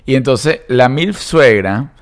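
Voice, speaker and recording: A middle-aged man co-hosting a live podcast, calm and wry, teasing his co-host. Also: mid-range voice, takes it slowly.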